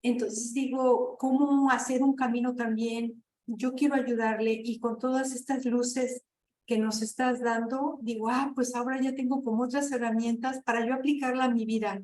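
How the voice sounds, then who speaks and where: Woman participant, fairly high voice, earnest storyteller, echoey room sound. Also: steady tone, moderate pace, darkish tone. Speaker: workshop participant. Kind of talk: personal sharing.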